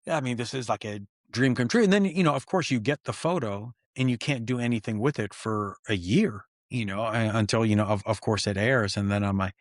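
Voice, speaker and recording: Excited stuntman telling set stories. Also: on the low side, brisk, few pauses, dry recording, clean studio sound. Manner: excited, acts out quoted dialogue. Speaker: stuntman guest. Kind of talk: animated storytelling interview.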